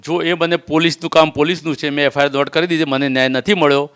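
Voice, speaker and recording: A man recounts his complaint in a rush of words, pressing every point as he swears he is telling the truth. His voice is clean and crisp, sitting a little high. He speaks quickly and never lets up. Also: fairly even intonation, fairly bright tone. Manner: insistent, swears oaths, reenacts threats. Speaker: complainant doctor. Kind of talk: emotional testimony.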